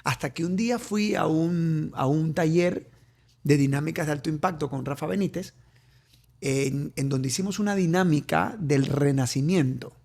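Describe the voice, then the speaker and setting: A middle-aged Ecuadorian man speaks as a guest on an interview show, with a gravelly, raspy texture. His voice sits a little high for a man. He tells a personal story and keeps repeating phrases for emphasis. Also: moderate pace, a little mellow. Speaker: guest, coach and author.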